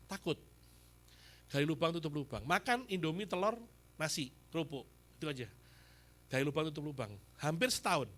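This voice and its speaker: A middle-aged man testifies at a church service. His voice sits somewhat high for a man. He tells his story with feeling and speaks directly to the congregation. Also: fairly quick, pauses often, fairly bright tone. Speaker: evangelist preacher. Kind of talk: testimony sermon.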